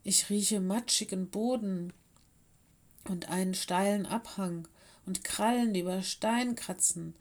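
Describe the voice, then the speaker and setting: A woman's voice: mid-range voice, takes it slowly. Woman voicing an earnest young animal boy. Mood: worried. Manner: earnest, determined. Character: young male forest-school animal pupil, earnest and loyal. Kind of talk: audiobook character voice.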